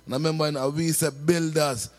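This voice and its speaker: A man, a guest artist giving shout-outs on a radio session and half-singing his words. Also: on the high side, steady tone, quick pace. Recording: music faintly behind the voice.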